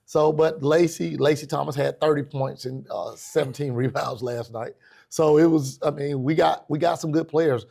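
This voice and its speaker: A man's voice: on the high side, fairly even intonation, moderate pace, vocal fry, dark tone. An American man, a basketball coach, answering casually in a sports interview and repeating phrases as he thinks.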